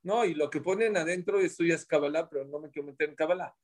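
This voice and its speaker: High-voiced man teaching a religious class. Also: quick pace. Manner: explanatory, asks the group questions and answers himself. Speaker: rabbi teaching a Torah class. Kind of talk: religious class talk to a small group.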